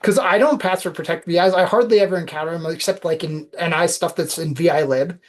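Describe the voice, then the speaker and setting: Low-voiced woman telling reflective stories. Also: fast. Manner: reflective, anecdotal storytelling. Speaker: podcast guest. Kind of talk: casual interview conversation.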